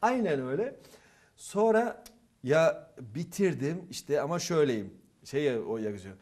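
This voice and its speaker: Speaking at a measured pace in a higher-than-average voice, this young man from eastern Turkey, who teaches a theatre club, recounts stories animatedly during a relaxed interview. He performs the quoted lines, getting louder and softer as he goes.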